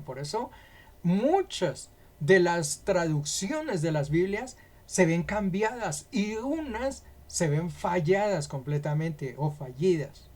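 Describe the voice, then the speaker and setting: A man's voice: high voice, darkish tone. A man with a Colombian accent leads a Bible teaching for a church broadcast. He explains things methodically and works through examples one at a time. He keeps checking in with his listeners through short rhetorical questions.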